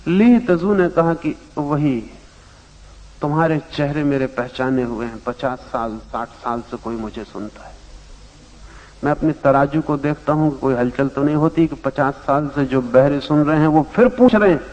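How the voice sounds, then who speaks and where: A man giving a spiritual discourse, telling a parable in slow phrases with long pauses, his loudness rising and sinking. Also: on the high side, in a large hall. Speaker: spiritual teacher. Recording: dull lo-fi archival tape.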